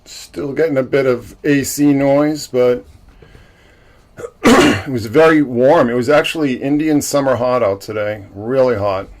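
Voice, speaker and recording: A man hosts a livestream with casual chat, calling himself a loudmouth with a big, loud voice. He jokes around and greets viewers by name, speaking at a medium pitch and a measured pace.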